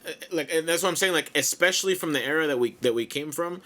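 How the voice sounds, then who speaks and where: Thoughtful bright-voiced man, lots of "like". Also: fairly high pitch, quick pace. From United States. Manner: reflective, heavy use of "like" fillers. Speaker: podcast co-host. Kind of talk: casual chat.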